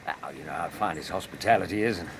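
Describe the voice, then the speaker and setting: An actor playing a mild, loyal Victorian English doctor in a radio drama, courteous and gently questioning. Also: male voice, sits low, fast talker, a little hiss or hum, natural voice. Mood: amiable.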